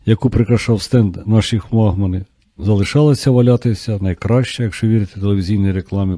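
A man reading an audiobook as narrator in a steady, even scripted narration. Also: medium pitch, no room sound.

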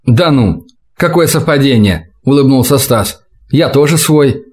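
A man voicing a calm, practical male soldier with a brisk, dry manner in an audiobook. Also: medium pitch, close to an everyday voice. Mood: wry. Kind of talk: audiobook character voice.

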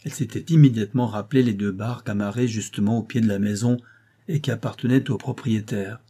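Male audiobook narrator, warm and husky, measured dramatic reading. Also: fairly low pitch, steady tone. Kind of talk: audiobook reading of a classic novella.

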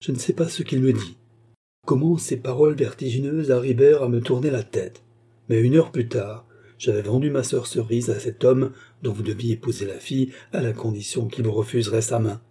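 A man's voice: medium pitch, brisk, mellow, husky, natural voice. A man voicing a passionate, remorseful woman courtesan in an audiobook, pleading and impassioned. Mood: confessing.

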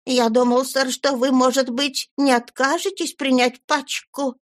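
A woman's voice: high-pitched, flat delivery, unhurried, voice pushed up. A woman voicing a timid, humble young man who pleads earnestly and keeps saying sir. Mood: flustered.

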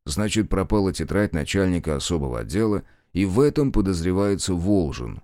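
A man reading as a cold wartime investigator, clipped and probing, speaking in a deep low voice. The sound is dry and close to the mic. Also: very animated, brisk, darkish tone, no room sound.

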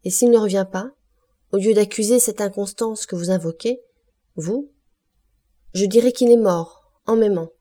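An earnest, proud young woman in love from a storybook classic, as read by a woman narrator. Her voice is mellow and soft-edged, pressing each word with feeling. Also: mid-range voice, moderate pace, pauses often, lightly acted. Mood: pleading. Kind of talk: audiobook character reading.

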